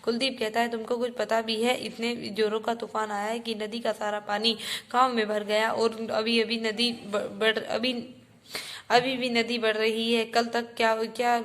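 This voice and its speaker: Woman teacher, reads a textbook play to her class, raised flat pitch, halting delivery. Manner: halting, repeats and restarts words while reading. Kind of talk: reading a textbook play aloud to students.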